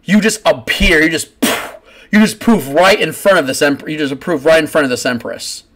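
A man's voice: fairly high pitch, normal speed, a bit bright. A man narrating a tabletop game as game master over an online call, rambling casually with frequent restarts. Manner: rambling, many restarts and fillers.

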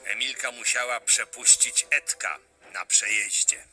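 A man reading a children's story aloud, expressive and animated. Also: mid-range voice, measured pace, faint music behind.

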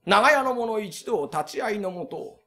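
A man playing a timid tenement dweller who tells a ghost story slowly and in a hushed tone, in rakugo comic storytelling. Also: high-pitched, animated, heavily acted. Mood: hushed spooky. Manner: drawn-out, hushed spooky delivery.

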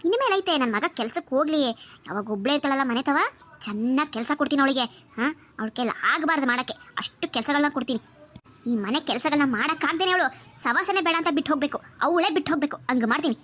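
A woman voicing a scheming older aunt and mother-in-law in a cartoon, speaking in a low, bossy, conniving way. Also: lively intonation, racing, a bit bright. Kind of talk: Kannada cartoon voice acting.

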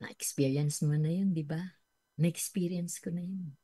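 A woman preaching a sermon on the radio, swinging from soft, slow stretches to loud, high cries and mixing Tagalog with English. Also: fairly even intonation, slightly rough. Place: radio studio.

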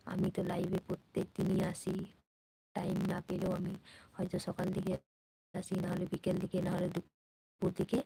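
Woman, live-stream host, quiet soft voice, low and gravelly, dark and dry. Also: dry recording, low-quality recording. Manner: speaks softly and quietly so a sleeping baby stays asleep; pleading, repetitive coaxing of viewers to comment. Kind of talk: casual live-stream chat with viewers. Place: home at night.

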